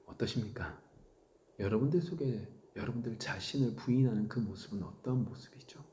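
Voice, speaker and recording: A middle-aged man preaching a sermon as pastor, swinging from loud exclaiming to hushed whispers. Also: lowish voice, fairly quick, slight background noise. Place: church sanctuary.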